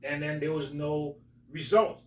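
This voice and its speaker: A man hosting a talk, explaining religious stories in a halting, emphatic storytelling way. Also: on the high side, level tone. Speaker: host, religious teacher. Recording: roomy echo, distant from mic.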